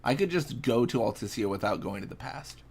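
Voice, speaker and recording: A man's voice: mid-range voice, lively intonation, brisk, gravelly, darkish tone, breathy edge. A young man casually chatting and reacting while streaming a fishing game, laid-back and rambling as he answers chat.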